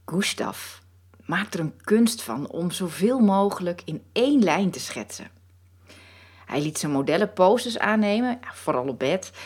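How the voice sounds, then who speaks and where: A woman's voice: medium pitch, breathy edge. A woman voicing a dreamy painted muse come alive. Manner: slow, wistful, softly mystical. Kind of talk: storytelling narration.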